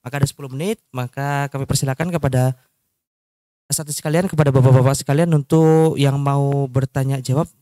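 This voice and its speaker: A man moderating a workshop and opening a question-and-answer session in a friendly, brisk way. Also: mid-range voice, fairly even intonation, dark tone, dry recording, clean studio sound.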